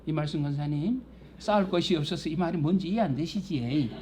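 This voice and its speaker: A middle-aged male pastor teaching a Bible class in a church classroom, lively and teasing, acting out quarrels and God's voice. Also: fairly high pitch, fairly quick, slight background noise.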